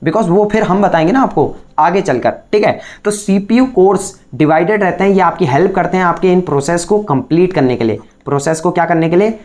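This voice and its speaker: A man's voice: on the high side, darkish tone. A male teacher giving a recorded lecture, explaining step by step and constantly checking in with the class through rhetorical questions. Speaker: computer science teacher.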